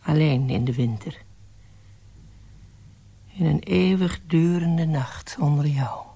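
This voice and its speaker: An actress playing a husky, possessive mother. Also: low voice, slow pace, warm tone, full character voice. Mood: tender. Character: possessive, bitter mother of a grown son. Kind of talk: radio drama monologue.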